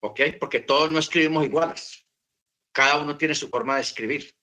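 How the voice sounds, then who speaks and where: A man's voice: a little high, brisk, bright, forceful tone. A man teaching about the Bible in an unscripted talk, repeating his points and asking rhetorical questions.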